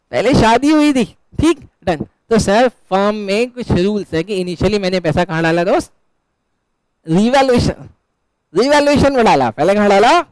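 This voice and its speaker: A male teacher with a very high, smooth, resonant voice lectures a class live. He fires questions and answers them himself, and he keeps up a teasing, chatty banter with his students. The sound is dry and close. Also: dry recording, poor audio.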